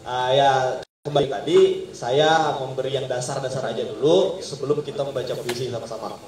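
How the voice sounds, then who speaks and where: A man's voice: mid-range voice, brisk, a little mellow. A man leading an informal poetry reading workshop, quizzing the group in call-and-response. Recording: echoey room, mic far off.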